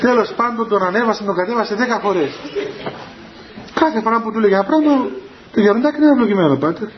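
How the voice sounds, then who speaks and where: A man giving a storytelling homily as a monastic elder, anecdotal and chuckling, taped on an old cassette. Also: high voice. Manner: anecdotal, chuckling, acts out quoted dialogue. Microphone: cassette recorder in the room. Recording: dull lo-fi 1990s cassette recording with faint hiss.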